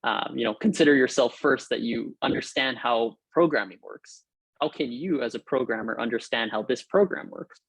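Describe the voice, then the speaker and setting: Speaking at a moderate pace with a breathy edge, a young Hawaiian man gives a relaxed, upbeat technical talk as a guest lecturer via video call. He's in a room at home or an office, his voice is mid-range, and he often restarts and uses fillers; the recording is dry.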